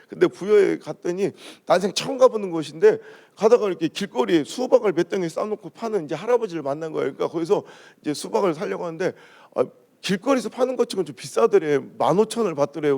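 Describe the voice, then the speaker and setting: A man from Chungcheong preaching at a dawn revival service, telling humorous stories and mimicking the way people talk. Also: sits high. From Chungcheong, Korea. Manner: storytelling, mimics regional dialogue, lively jokes. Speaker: pastor. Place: church sanctuary.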